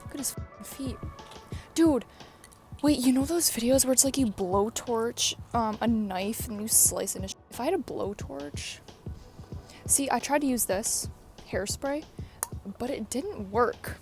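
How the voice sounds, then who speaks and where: Brash, swearing young woman, a bit high. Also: unhurried, long pauses, faint music behind. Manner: blunt, swears a lot, excitable. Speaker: vlogger. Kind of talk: casual chat to camera. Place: sunny, windy backyard outdoors. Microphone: phone held by hand.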